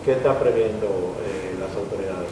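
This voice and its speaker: Dominican guy with caribbean spanish accent asking interview questions haltingly, far from the mic, really echoey. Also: lowish voice. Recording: distant mic, heavy echo, noisy.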